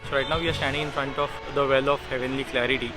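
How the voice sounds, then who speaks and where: A travel vlogger narrates to camera outdoors at tourist sites, explaining the sights like a guide while music plays behind him. His mid-range voice keeps a level tone and moves rapid-fire, and the audio quality is poor.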